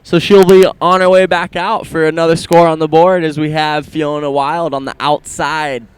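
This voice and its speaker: A man's voice: on the high side, little pitch movement, moderate pace, smooth, no room sound, poor audio. A man doing casual live sports commentary in a laid-back, chatty surfer style. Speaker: surf contest commentator.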